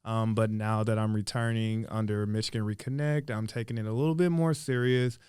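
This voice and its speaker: Returning student in his thirties, calm and steady, lowish voice, very clear, dry close sound. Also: a little fast, no echo. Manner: calm, steady, starts with 'um'. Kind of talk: casual podcast interview.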